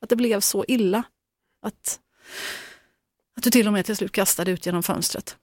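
A middle-aged mother recounts a frightening night in halting, broken sentences, stopping and restarting often. Her voice sits at an ordinary pitch. The sound is dry and close. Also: a little mellow, no room sound. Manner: halting, many fillers and restarts. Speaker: guest, mother. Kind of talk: emotional personal account.

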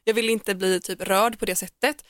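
A young woman co-hosting a podcast, telling a personal story in animated, quick casual chat and acting out what people said. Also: mid-range voice, dry recording, clean studio sound. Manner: animated, fast storytelling with acted-out quotes and laughter. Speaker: podcast co-host.

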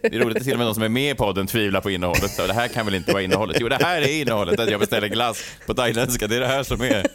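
A man's voice: on the low side, few pauses, fairly bright tone. A man hosting a casual podcast, joking, laughing often and mocking himself. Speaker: podcast host. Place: studio in Stockholm.

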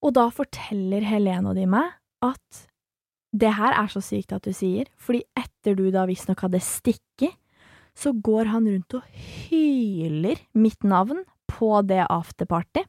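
A young adult woman telling a story in a casual podcast chat, animated and swearing as she acts out the people in it. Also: mid-range voice, dry recording, studio quality.

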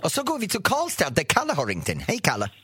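A man's voice: a little high, huge pitch swings, sharp tone, breathy edge. A man with an English accent hosting a radio call-in show, chatting playfully in broken Swedish and laughing often. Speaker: radio host. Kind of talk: casual radio chat.

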